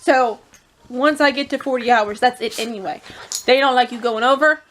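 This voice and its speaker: Speaking at a normal speed in a rather high, slightly bright voice, a young woman confides in her vlog viewers about a hard day at work. She's tearful and emotional, wandering and restarting as she talks in this casual confessional vlog.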